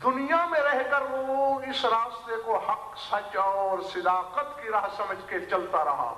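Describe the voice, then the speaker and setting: A man delivers a sermon in a high, ringing voice, building his points through lists and repetition. His bright tone carries into a roomy hall that lingers with a long reverb. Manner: measured, rhetorical lecturing with lists and repetition. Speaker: religious speaker.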